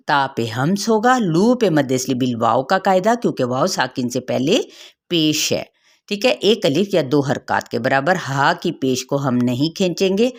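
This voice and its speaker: A woman teaching a tajweed lesson, patiently explaining recitation rules step by step and often checking in with her listeners. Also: sits low.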